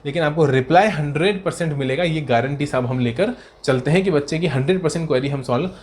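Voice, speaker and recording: A man teaching an exam revision lecture, calling students beta and sahab, asking and answering his own questions and reading English question text slowly word by word. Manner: lively teacher voicing imagined student replies in a lower, softer tone.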